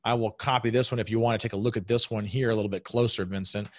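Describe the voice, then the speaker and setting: Man in his thirties, webinar host fielding questions, low voice, chatty and explanatory, lots of restarts, dry close mic. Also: fairly even intonation, fast talker, no room sound. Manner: conversational, explanatory, frequent fillers and restarts. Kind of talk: live webinar Q&A.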